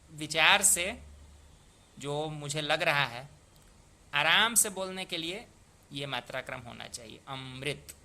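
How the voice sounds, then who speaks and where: Bright-voiced man patiently teaching poetic meter. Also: a little high. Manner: patient, repeats and sounds out words slowly. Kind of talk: explanatory lesson.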